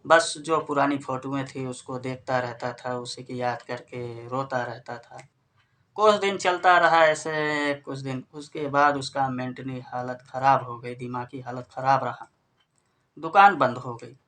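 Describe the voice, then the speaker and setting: A man's voice: medium pitch, steady tone, unhurried, a bit bright. A man from northern India retelling a family story in a casual, conversational way and addressing listeners as friends. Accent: Hindi-speaking northern India.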